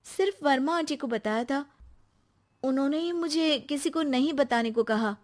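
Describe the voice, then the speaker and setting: Woman playing young wife, high voice, emotional, plaintive, argumentative, cartoon story. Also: moderate pace, darkish tone, close to an everyday voice. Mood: upset, defensive. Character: young married woman, emotional, quick to complain.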